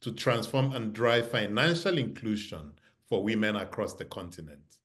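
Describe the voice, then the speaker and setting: A man's voice: fairly low pitch, moderate pace, a bit bright. A male host steadily reading out questions sent in by the audience.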